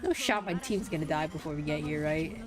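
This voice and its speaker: A woman's voice: low-pitched, brisk, music in the background. A young woman casually commenting while streaming a game, chatty and full of fillers, laughing and swearing.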